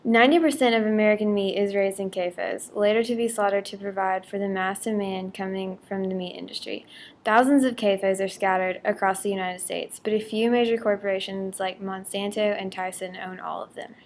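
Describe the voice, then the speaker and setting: A woman with a medium-pitched voice narrates a scripted infomercial. She presents in an expository manner, reading her lines aloud to the viewer. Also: fairly even intonation, fairly quick, a little hiss or hum.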